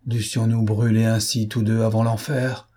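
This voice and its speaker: A man's voice: on the low side, level tone, moderate pace, warm tone, husky. A man reading an audiobook, playing a vengeful, brooding Spanish man who speaks in a cold, solemn, threatening way. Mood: menacing.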